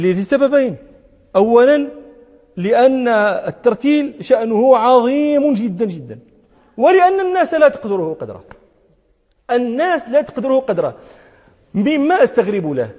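High-voiced sheikh in a reverberant hall. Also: male voice, darkish tone. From Morocco. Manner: emphatic, repeats words for stress, chants verse quotations. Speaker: sheikh teaching hadith commentary. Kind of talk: religious lesson.

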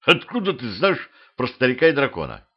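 A man's voice: medium pitch, wildly swooping pitch, fairly quick, slightly rough, lo-fi sound, heavily acted. A man voicing a grumbling, indignant older watchman.

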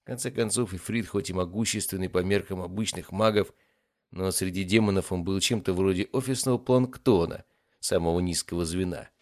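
A man narrating a fantasy story in a calm, even storytelling manner. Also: low voice, brisk, no room sound, studio quality. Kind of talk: audiobook narration.

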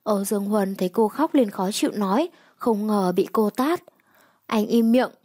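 Mellow-voiced woman storyteller. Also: mid-range voice, animated, normal speed, dry recording, clean studio sound. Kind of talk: audiobook romance narration.

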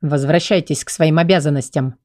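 A gruff, sleepy king, as a woman acts him out in a storybook reading, speaking low and measured with a stern frown in his voice. The sound is dry and close. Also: mellow, no echo.

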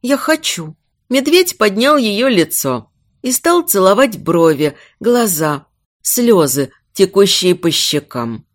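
An audiobook narrator, a woman, reads a novel from a script with plenty of expression, acting out the characters' voices. Her voice sits in the mid range and she takes it slowly.

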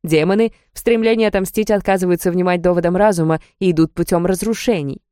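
A woman's voice: on the low side, steady tone, quick pace, warm tone, no echo, studio quality, lightly acted. A woman voicing a cold, scornful female archangel commander who talks in a mocking, condescending way, read as an audiobook character.

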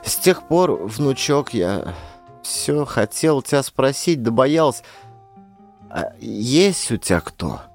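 A man's voice: mid-range voice, big pitch swings, slow, faint music behind. A man voicing a kind, fussing old village grandmother in an audiobook, doting and fretful. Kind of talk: audiobook character voice.

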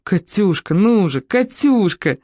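An audiobook reader voicing an impulsive, warm-hearted schoolgirl who talks quickly and earnestly. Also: medium pitch, sing-song, no room sound, studio quality, pitched above the performer's own voice. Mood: pleading. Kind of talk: audiobook character reading.

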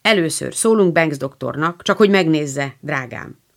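A woman's voice: sits low, lively intonation. A woman reading the part of a capable older housekeeper in a storybook, practical and reassuring. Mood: matter-of-fact.

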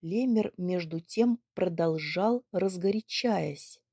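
Slow husky woman reading a story. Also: fairly low pitch, dry recording, clean studio sound. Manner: steady, measured storytelling. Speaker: audiobook reader. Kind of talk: scripted first-person narration.

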